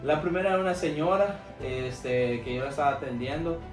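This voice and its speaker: Salvadoran man, young adult, frank storyteller with many fillers; roomy studio, soft music under. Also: a little high, fairly quick. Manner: frank, anecdotal, heavy on fillers like "este" and "¿verdad?". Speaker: English teacher and former call center agent. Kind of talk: casual podcast interview.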